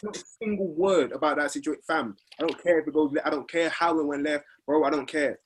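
Fast-talking London roadman-style young man. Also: a little high. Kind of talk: casual group chat.

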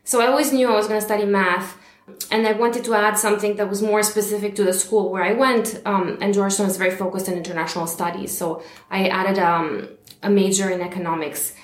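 A woman in her thirties, originally from Romania, talks as a guest on a podcast, with a voice of middle pitch. She speaks in a warm, chatty way, laughing often and filling pauses with small hesitations. The recording has a roomy echo. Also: steady tone. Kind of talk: interview podcast.

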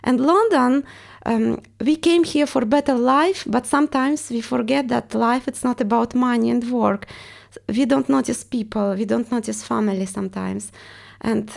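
A woman's voice: fairly high pitch, normal speed, vocal fry, darkish tone. A woman from Estonia with a Russian accent, speaking reflectively as an interview guest and searching for words in her non-native English. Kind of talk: reflective personal interview talk.

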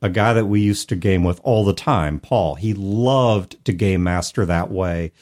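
Here the host's voice sits low and a little mellow, and he takes his time. Discussing tabletop role-playing games casually on his podcast, he explains in a long, reflective way with plenty of hedging.

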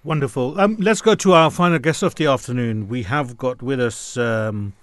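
A male radio host with a mid-pitched voice interviews his guests with formal courtesy. His speech is recorded dry and close, and it often stops and restarts mid-phrase. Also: moderate pace, no echo.

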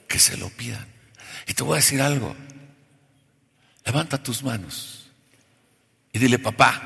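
Gravelly preacher. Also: male voice, medium pitch. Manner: asks the congregation questions and has them answer back; swings from soft to loud and shouting. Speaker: pastor. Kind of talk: sermon. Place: church hall. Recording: long reverb of a large hall.

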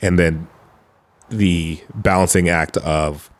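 Low-voiced man rambling casually. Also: steady tone, slow pace. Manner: rambling, laid-back, with frequent "like" fillers. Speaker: podcast co-host. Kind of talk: casual chat.

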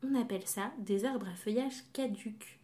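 A woman narrating a children's story, gently explaining things to a child listener. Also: medium pitch, moderate pace.

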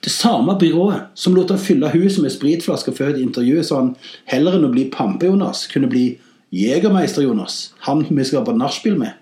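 A man hosting a comedy podcast, telling comic stories and giving satirical commentary in an animated voice with sarcastic, deadpan jabs. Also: echoey room. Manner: animated, with big swings in pitch and loudness.

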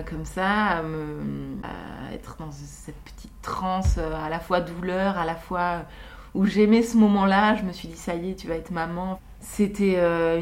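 Soft-spoken young woman, low and hesitant. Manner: hesitant, many pauses and fillers. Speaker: mother sharing her birth stories. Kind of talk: unscripted personal testimony.

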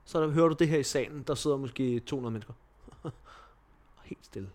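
A man co-hosting a casual podcast, chatting in animated bursts and swearing often. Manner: animated, swears often, jumps up in pitch for emphasis. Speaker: podcast co-host.

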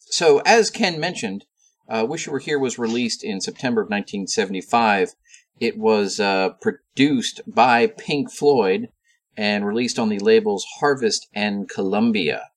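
A man's voice: on the low side, a little slow. A man co-hosting a podcast, casually explaining background details with many ums and asides. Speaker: podcast co-host. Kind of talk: casual chat.

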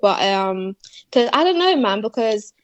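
A young woman from Malawi, raised in England, chatting casually as a rapper guest in an interview. She talks in a relaxed, slangy way and laughs often. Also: medium pitch, a little slow, highs cut off, a little hiss or hum. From born in Malawi, raised in England.

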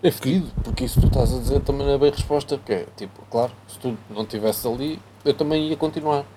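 A man's voice: medium pitch, fast. A young man in casual banter with a friend, slangy and often breaking off to rephrase. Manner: slangy, hedging, self-interrupting. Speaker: rapper. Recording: loud background noise with clicks.

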